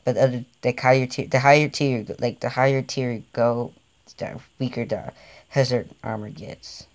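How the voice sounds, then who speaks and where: Young guy rambling thru his tank game, gets hyped fast, jokey, home mic. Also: medium pitch. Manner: rambling, easily excited, jokey. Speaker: gaming channel host. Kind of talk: excitable gameplay commentary.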